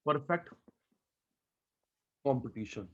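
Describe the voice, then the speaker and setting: A man's voice: medium pitch, animated, takes it slowly, muffled recording. Male teacher calling on his students. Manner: calls out student names, repeats key terms. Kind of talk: online class teaching.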